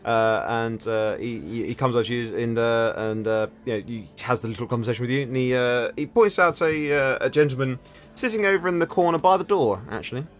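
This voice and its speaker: A man with a medium-pitched voice works as game master, improvising narration for a tabletop game. He describes haltingly, repeating words as he builds each picture, with faint music underneath.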